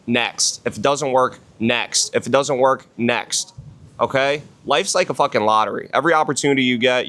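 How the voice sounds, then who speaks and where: A hungover man gives a casual motivational podcast talk at a middling pitch. He is blunt and emphatic, leaning on slang and swearing. He repeats short phrases to drive each point home. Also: fairly bright tone. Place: outdoors on a villa balcony.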